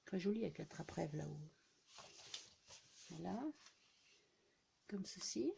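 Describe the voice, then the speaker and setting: A woman with a soft, mellow voice chats casually through a haul of craft supplies. She talks at an easy, unhurried pace and fills her sentences with little hesitations and tag words. Her voice is warm and relaxed, never sharp. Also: fairly low pitch, creaky, slight background noise. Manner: chatty, many fillers and "hein" tags. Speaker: scrapbooking vlogger. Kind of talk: casual haul show-and-tell.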